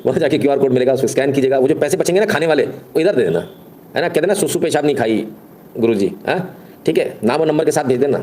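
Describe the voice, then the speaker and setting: A man's voice: mid-range voice, expressive, quick pace, darkish tone, a little hiss or hum. A middle-aged man hosting a live stream, talking to viewers in a mocking, sarcastic, chatty way.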